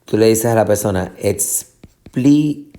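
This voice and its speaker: Guy teaching spanish, lowish voice, patient, keeps repeating words slow to show the stress, drops english fillers. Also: darkish tone. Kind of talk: classroom lesson.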